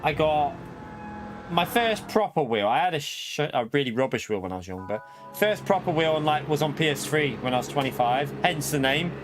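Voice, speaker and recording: A man's voice: a little high, animated, normal speed, music in the background. A British man in his forties who streams a racing game, chatting casually and bantering with laughter. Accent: British English. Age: 40s. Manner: jokey, laughs often, banters with his partner. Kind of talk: casual live-stream chat.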